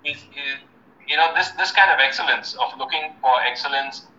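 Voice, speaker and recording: A man from India gives interview answers at a measured pace, pausing to check in with his listener. His voice is bright and tense. The recording is echoey and a bit muffled. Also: mid-range voice. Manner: measured, often checks in with "okay?" and "right?". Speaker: guest. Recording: roomy, slightly dull lo-fi sound.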